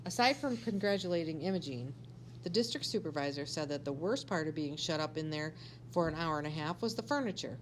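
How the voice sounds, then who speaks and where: Reading a children's story aloud like a teacher telling a tale to pupils, a woman with a slightly low voice is expressive and animated, acting out the dialogue. She goes a little fast, and the low-quality recording carries faint noise and hum.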